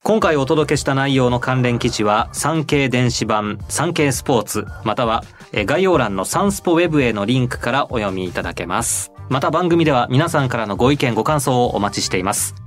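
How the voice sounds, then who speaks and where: Male radio announcer hosting, polite and attentive, with a lively, swinging pitch and soft music behind. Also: a little fast, hardly any pauses. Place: radio studio.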